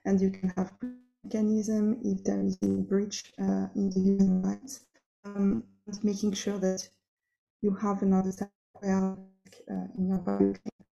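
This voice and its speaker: A woman's voice: medium pitch, monotone, unhurried, creaky, dark tone, highs cut off, faint music behind. A woman panel speaker presenting on a video call, her audio choppy and breaking up as she searches for words. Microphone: computer mic on a video call.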